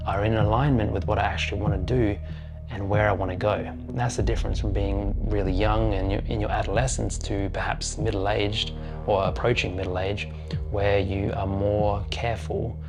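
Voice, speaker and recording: Man, forties, low gravelly voice, reflective vlog monologue over clear background music. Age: 40s. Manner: slow, thoughtful, pausing often. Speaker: vlogger.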